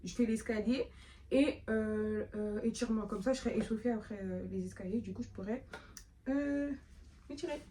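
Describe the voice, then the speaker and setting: A woman's voice: medium pitch, warm tone, a little hiss or hum. Rambling casual woman vlogger. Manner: rambling, thinking aloud with many fillers; playful self-talk. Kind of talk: casual vlog chat.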